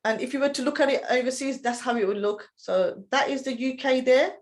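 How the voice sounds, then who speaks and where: A woman presents a training session in a chatty, explanatory way. Her voice sits a little high, and she often stops to check that the group is following. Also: brisk. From United Kingdom. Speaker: intercultural trainer.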